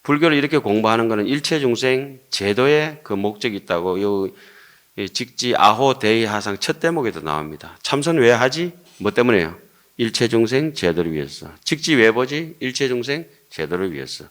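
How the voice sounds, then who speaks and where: A man's voice: medium pitch, lively intonation, moderate pace, a bit bright. An older Buddhist monk with a Gyeongsang Korean accent giving an earnest dharma lecture, posing rhetorical questions and joking with his listeners.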